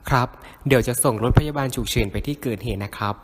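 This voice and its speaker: A man's voice: medium pitch, quick pace. A man working as an emergency call taker, asking polite, methodical scripted triage questions. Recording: noisy, hollow hall reverb.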